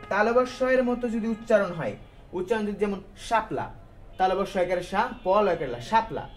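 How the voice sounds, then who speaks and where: A male teacher with a high voice walks students through a grammar lesson step by step. He asks questions and answers them himself, speaking colloquially and mixing in English words.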